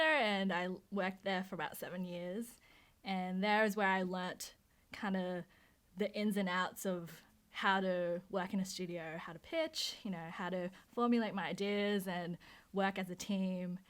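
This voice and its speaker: A woman's voice: medium pitch, a bit bright. A woman in her thirties, raised in Australia, answering interview questions about her design career, chatty with frequent fillers and restarts. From Hong Kong, raised in Australia. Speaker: motion designer.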